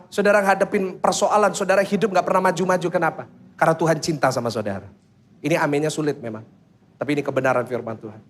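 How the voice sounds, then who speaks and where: A man preaching a sermon as pastor, telling stories, acting out children's voices, and quizzing the congregation with quick questions. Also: sits high. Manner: storytelling that acts out children's voices.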